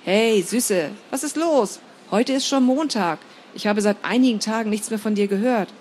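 A woman's voice: mid-range voice, very animated, moderate pace, slight background noise, natural voice. A woman voicing a chatty, caring male friend who calls her sweetheart. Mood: eager.

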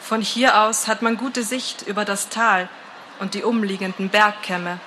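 A woman reads a first-person story at an unhurried, deliberate pace. Her voice is bright and clear, and her reading stays calm, measured and atmospheric. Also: mid-range voice, a little hiss or hum, low-quality recording. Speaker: narrator.

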